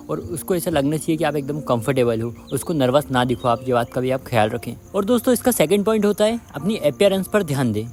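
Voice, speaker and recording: Fast-talking man giving dating advice. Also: medium pitch, a little mellow. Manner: repetitive, addresses viewers as friends. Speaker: dating advice video host. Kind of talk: direct-to-viewer advice talk.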